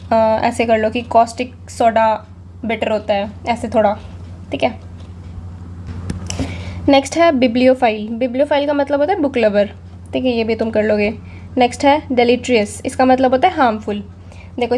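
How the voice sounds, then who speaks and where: A woman's voice: fairly high pitch, a little mellow, slight background noise. A young woman gives a casual vocabulary lesson, chatty and often saying "theek hai". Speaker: exam vocabulary teacher.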